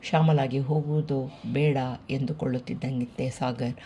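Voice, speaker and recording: Mellow, steady audiobook narrator. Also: mid-range voice, normal speed, slight background noise. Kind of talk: scripted narration of a novel.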